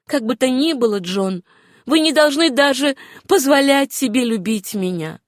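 A woman reading an audiobook voices a gentle, wistful young woman with a hard past, speaking softly. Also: high voice, animated, moderate pace, no room sound, clean studio sound, voice pushed up.

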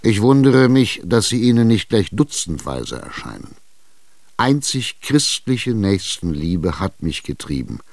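A man's voice: fairly low pitch, very animated, unhurried, darkish tone, dry recording, pitched above the performer's own voice. A man playing a pushy, exasperated schemer. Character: impatient, scheming middle-aged male buyer. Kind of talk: radio drama reading.

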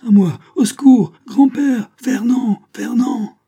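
A woman's voice: a little high, takes it slowly, voice pushed up. A man voicing a frightened captive young woman. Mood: crying for help. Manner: pleading, shouting. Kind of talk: audiobook character reading.

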